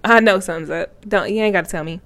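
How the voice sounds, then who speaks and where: A woman's voice: medium pitch, quick pace, fairly bright tone, no echo. A woman in her twenties telling a personal story to camera in a blunt, profane, laughing way. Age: 20s. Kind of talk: casual storytime vlog.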